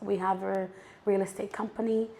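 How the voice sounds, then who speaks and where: A woman's voice: mid-range voice, level tone, normal speed, creaky, mellow. A young woman from Cyprus, a real estate surveyor, co-hosting a casual podcast, talking in a chatty way and laughing often.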